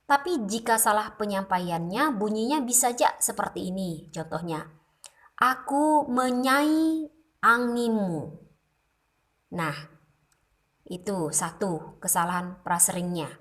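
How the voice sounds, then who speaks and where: A woman teaching a music class, explaining terms step by step and now and then singing a short phrase to show them. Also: mid-range voice. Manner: explains slowly, sings short demo phrases. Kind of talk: slow explanatory class lesson.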